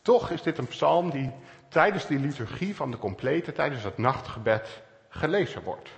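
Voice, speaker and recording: A man preaching a calm, searching sermon, with pauses and stresses. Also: mid-range voice, creaky, big-room sound. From Netherlands. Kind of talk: reflective sermon.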